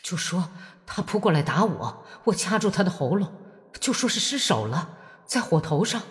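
A woman's voice: on the low side, big pitch swings, normal speed, slightly rough. A woman reading an audiobook voices a strong young Cossack man who speaks in a tense, pressing way. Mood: grim thought.

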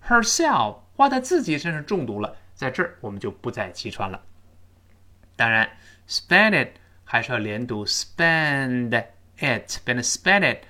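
A man who is a native Chinese speaker, teaching English pronunciation, explaining sounds in detail and slowing way down on model sentences for students to repeat. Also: mid-range voice, very animated, bright, forceful tone. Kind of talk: spoken English lesson with repeat-after-me drills.

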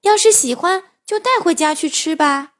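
A woman's voice: extremely high pitch, moderate pace, voice pushed up. A woman voicing a friendly crow in a children's story who talks with a smile. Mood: smiling. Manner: warm, smiling.

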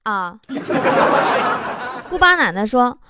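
This is a woman hosting a comic talk show, reading jokes sent in by listeners in a teasing, playful manner. Her voice sits high and leaps around a lot, and she keeps laughing at her own punchlines. Loud background noise runs under the recording. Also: very slow. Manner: lively, playful delivery.

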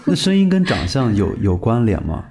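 A man's voice: lowish voice, huge pitch swings, normal speed, a loud crowd. A man co-hosting a podcast, asking the guests questions and cracking dry jokes. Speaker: podcast co-host. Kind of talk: casual chat.

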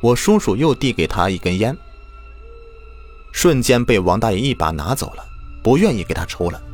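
A man narrating a listener's ghost story as the show's storyteller host, acting out the shouted lines. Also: fairly low pitch, moderate pace. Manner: lively, acts out quoted shouts. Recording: faint music underneath.

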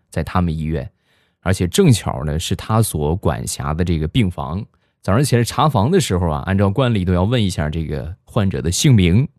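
A young man hosting a show, telling funny stories in a lively, chuckling manner. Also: low-pitched, no room sound, clean studio sound. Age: young adult. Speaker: host. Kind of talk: comedic storytelling monologue.

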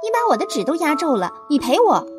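A woman voicing a bossy, quarrelsome little schoolgirl in a storybook reading, shrill and demanding. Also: big pitch swings, normal speed. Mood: angry. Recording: music playing behind.

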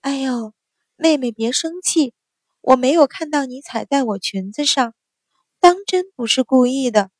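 A woman voicing a calm, sly young lady who speaks softly with feigned politeness. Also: sits high, measured pace, hardly any pauses, dry recording, clean studio sound. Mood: sweet. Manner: soft, sweet, feigned politeness.

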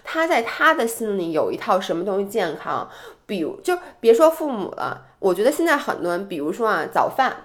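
A young woman co-hosting a casual podcast chat, telling everyday stories with animated, acted-out quotes of her family. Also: mid-range voice, brisk. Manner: animated storytelling, acts out quoted parents with a raised voice. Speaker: podcast co-host.

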